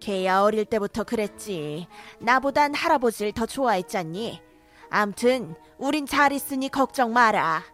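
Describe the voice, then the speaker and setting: A woman's voice: a little high, expressive, normal speed. A woman voicing a domineering older mother-in-law who scolds sharply and favors her grandson, in a cartoon drama. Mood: nagging. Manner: scolding, sharp, rising to shouts. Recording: faint background music.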